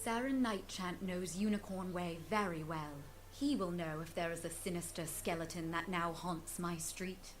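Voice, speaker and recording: A woman's voice: lowish voice, normal speed, few pauses, lightly acted. Woman as a solemn fairy lady, faint background noise. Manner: formal, earnest storybook delivery. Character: solemn, gracious fairy lady guardian, grave and caring. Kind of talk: scripted video game dialogue.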